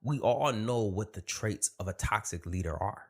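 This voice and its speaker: A man's voice: lowish voice, lively intonation, moderate pace. A man hosting a casual solo podcast, rambling and emphatic, with a slight lisp and thick-tongued speech from a swollen tongue. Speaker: podcast host.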